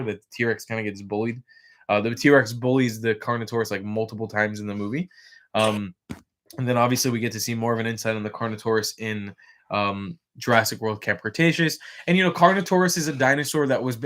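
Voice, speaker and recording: A man's voice: mid-range voice, fairly bright tone. A man hosting a casual livestream, chatty and rambling with lots of fillers, tired and yawning. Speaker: livestream host.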